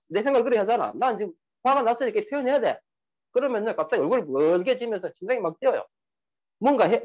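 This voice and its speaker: Lively man giving a motivational talk. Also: high-pitched, husky. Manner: lively, asks the audience questions. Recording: muffled lo-fi recording.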